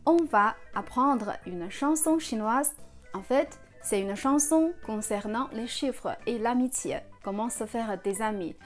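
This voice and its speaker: Slow, patient woman language teacher. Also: fairly high pitch, faint music behind. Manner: patient, encouraging, coaching the viewer to repeat. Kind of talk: step-by-step pronunciation lesson.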